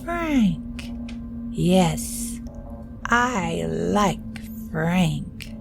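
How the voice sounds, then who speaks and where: A woman voicing a starved, lonely captive man-creature who speaks in slow, faint, broken, childlike words. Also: lowish voice, big pitch swings, vocal fry, music in the background, full character voice. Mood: lonely, pleading. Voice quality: weird, halting, childlike speech.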